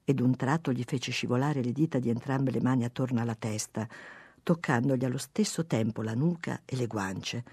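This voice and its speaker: An audiobook reader giving a calm, expressive narration of a story. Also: medium pitch, normal speed, breathy edge, no room sound. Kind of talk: scripted narration.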